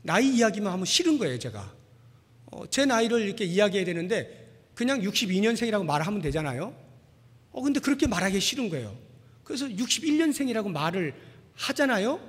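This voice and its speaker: A pastor in his forties preaches in a large, reverberant church hall, the recording carrying a long hall reverb. His husky, high-pitched voice swings widely and moves quickly as he shares personal anecdotes in a conversational, self-deprecating way.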